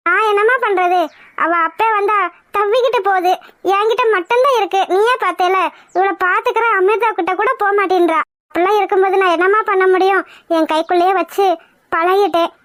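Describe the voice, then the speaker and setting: Fussing cartoon grandma, very high and close: a woman playing an old village granny, scolding and fretful. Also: a little fast, a bit bright, no echo.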